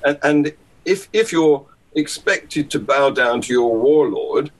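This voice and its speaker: Male guest, fairly high and husky, wry, chuckles often, reasoned. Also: animated, slow, poor audio. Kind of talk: casual discussion.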